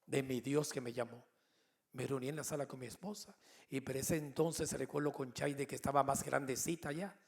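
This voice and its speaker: A middle-aged male pastor preaching a sermon, telling personal stories with humor and lively delivery. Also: medium pitch, moderate pace, creaky. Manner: animated storytelling with humor.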